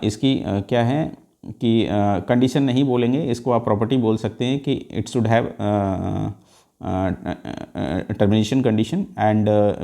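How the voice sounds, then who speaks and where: A male teacher explains code for an exam in a dark, mellow voice, mixing Hindi and English. He works through each step patiently and often fills pauses with a drawn-out "uh". The tone stays steady and classroom-like throughout. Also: fairly low pitch. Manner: mixes Hindi and English, steps slowly through each value with many "uh" fillers. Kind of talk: exam-prep lecture walking through code.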